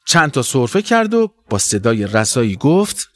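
A man telling a children's story in a mid-pitched voice. His delivery is animated, with wide, lively swings of pitch through each sentence. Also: dry recording, studio quality.

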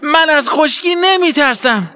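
A tiny, plucky fish as a man puts it on for a children's storybook, determined and calling out. The voice is pushed far up in pitch and lively in its swings. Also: exaggerated voice. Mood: shouting bold. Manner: determined, crying out. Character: small brave young fish.

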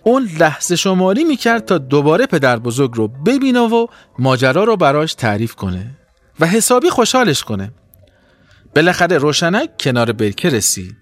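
A man narrating a children's story with an expressive storytelling voice. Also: on the high side.

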